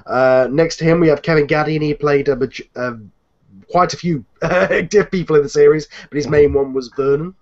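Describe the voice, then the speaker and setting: On a group video call, a man hosts an online cast chat casually, rambling and correcting himself along the way. His voice is fairly high and brisk, and the online call audio sounds dull and lo-fi.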